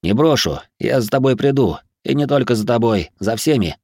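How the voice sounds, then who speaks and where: A man's voice: mid-range voice, lively intonation, moderate pace, darkish tone, no room sound, studio quality. A man voicing the first-person hero of an audiobook, speaking urgently and insistently. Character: determined young man, urgent leader.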